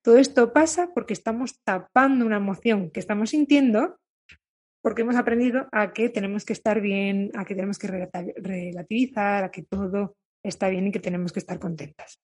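A woman with a Spanish accent from Spain talks to her audience in a calm, candid, confiding way. Her voice has a soft, breathy edge at an ordinary middle pitch. She sounds like a therapist opening up about her own experience. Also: fairly quick. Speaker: therapist who treats eating issues. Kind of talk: personal reflective monologue to viewers.

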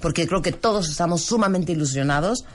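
Emphatic Mexican male radio host. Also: fairly high pitch. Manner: emphatic, preachy, lists things rapidly. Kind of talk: casual opinion talk on air. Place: radio studio.

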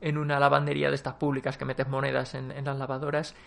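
Gravelly-voiced Spanish man reviewing a film. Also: mid-range voice, monotone, fast talker. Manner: rambling, many fillers and restarts. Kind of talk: casual spoken film review.

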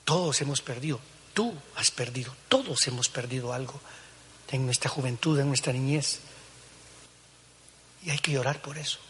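Impassioned preacher in an echoey church. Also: male voice, mid-range voice, moderate pace, pauses often, a little hiss or hum. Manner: dramatic, acts out Bible scenes, swings from hushed to shouting. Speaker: pastor. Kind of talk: sermon. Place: large church hall.

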